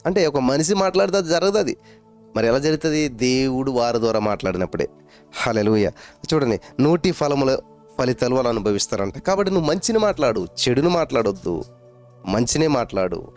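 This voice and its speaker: A man preaching a sermon as a pastor, fervent and emphatic, building to loud exclamations. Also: medium pitch, animated, fairly quick, faint music behind.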